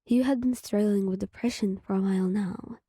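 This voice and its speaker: A woman reading her own fan fiction aloud as a whispered role-play, in a soft, half-whispered storytelling voice. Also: mid-range voice, fairly even intonation, brisk, husky, dry recording, studio quality.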